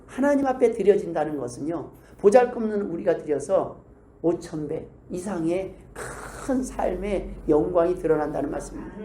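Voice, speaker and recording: High-voiced male pastor preaching in a roomy church. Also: animated, normal speed, mellow, a little hiss or hum. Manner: acts out prayers and replies in changing voices; conversational, rhetorical questions to the congregation. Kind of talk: sermon. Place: church sanctuary. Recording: roomy echo.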